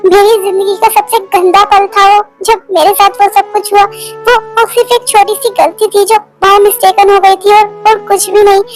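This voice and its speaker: A woman's voice: very high voice, little pitch movement, moderate pace, faint music behind, poor audio. A woman voicing a heartbroken young man who pleads with his girlfriend and stammers over his words, in a fan-dubbed romance. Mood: pleading. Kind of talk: Hindi fan dub of a romance story.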